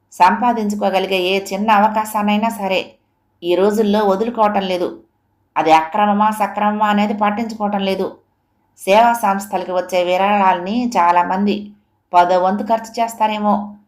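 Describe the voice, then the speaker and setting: A woman's voice: medium pitch, natural voice. A woman voicing an impatient, greedy grown son who gets irritable and raises his voice, in an audio story reading. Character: impatient greedy adult son, quick to anger.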